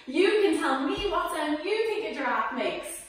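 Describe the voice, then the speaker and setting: A woman's voice: sits high, fairly bright tone. A woman teaching a children's yoga class. She is playful and sing-song and makes animal sounds along the way. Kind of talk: guided yoga lesson for children. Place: indoor room. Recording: echoey room, voice from far off the mic.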